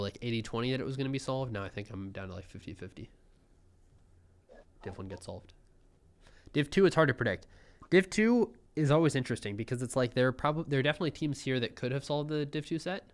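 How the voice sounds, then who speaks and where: A young man with a mid-range voice offers relaxed, musing live commentary on a programming contest, often trailing off mid-thought.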